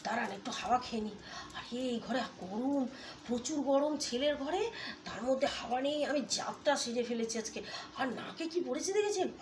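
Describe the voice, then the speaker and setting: High-voiced chatty woman with a cold. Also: expressive, moderate pace, a little hiss or hum. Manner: chatty, playful, talks softly at times. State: has a cold, sore throat. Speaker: vlogger. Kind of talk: casual chat to camera. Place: small hot room at home. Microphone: phone camera.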